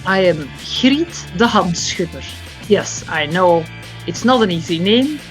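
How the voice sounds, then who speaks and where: A woman from Belgium, a nonprofit executive director, chatting as a guest in a warm, encouraging way. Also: lowish voice, expressive, slow pace, faint music behind. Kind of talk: casual interview.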